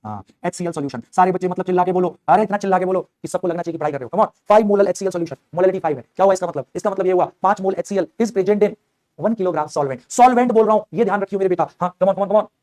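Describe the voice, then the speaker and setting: Fast-talking, coaxing chemistry teacher man. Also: high-pitched. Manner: energetic, coaxing, voices students' replies himself. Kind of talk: online lecture.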